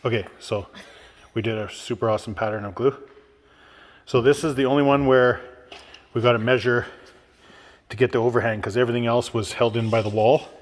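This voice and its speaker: A man's voice: mid-range voice, steady tone, fairly quick, pauses often. Man, stuffy nose, upbeat chatty vlogger, reverberant room. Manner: upbeat and chatty, laughs often. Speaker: vlog host. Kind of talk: casual build vlog narration. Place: workshop house under renovation, indoors.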